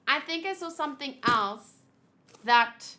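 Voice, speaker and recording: This thirty-year-old gaming streamer speaks in a high, expressive voice, unhurried yet pushed and bright. She chats casually on stream as she unboxes plush gifts, gushing and rambling in a cutesy manner.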